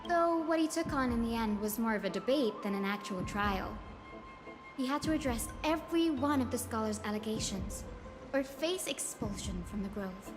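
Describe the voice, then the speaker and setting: In this game voice acting, a cheerful young scholar, played by an actress, explains things through stories and imitations of critics she quotes. The delivery is fairly high, expressive, lightly acted and moderately paced, heard over music with a long reverb.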